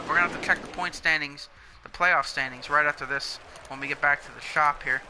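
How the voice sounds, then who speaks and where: A man hosting a gaming video, giving casual, excitable commentary that talks through every moment of his play. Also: high voice. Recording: clear engine noise under voice. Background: racing game car engines.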